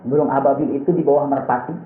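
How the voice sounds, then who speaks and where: A man's voice: fast talker, a little hiss or hum. A man preaching a storytelling sermon, acting out the characters with a raised voice and frequent chuckles. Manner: animated, acts out characters with raised pitch, chuckles often. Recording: echoey room on a tinny phone-like line.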